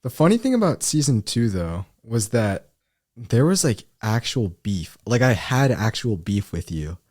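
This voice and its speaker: A man's voice: medium pitch, big pitch swings, unhurried, darkish tone, no room sound, studio quality. A young man hosting a podcast, laid-back and slangy, who laughs often. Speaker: podcast host. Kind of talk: casual podcast chat.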